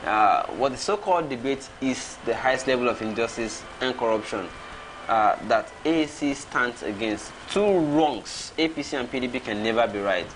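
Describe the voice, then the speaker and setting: A man's voice: mid-range voice, animated, moderate pace, fairly bright tone, a little hiss or hum. A Nigerian man in his thirties, hosting a casual livestream and reading out viewer comments, chuckling and reacting as he goes. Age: 30s.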